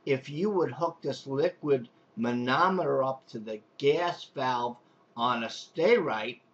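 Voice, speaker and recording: Speaking at medium pitch with a slightly bright tone, a Long Island, New York repairman who services pools and spas gives a loose, unscripted how-to demo full of restarts and fillers. Slight background noise sits under the dull, lo-fi recording.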